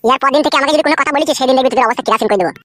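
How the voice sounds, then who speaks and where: A woman acts a brash, rude part in a comic family sketch. Her voice is high and she fires off lines fast. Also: fairly bright tone, no echo, studio quality.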